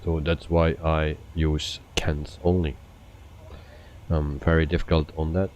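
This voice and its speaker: A man hosting a flight simulator live stream, chatting casually with viewers and often pausing with hesitations. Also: rumbling low, a little hiss or hum, rough recording. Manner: relaxed, chatty, frequent hesitations. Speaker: flight sim livestreamer.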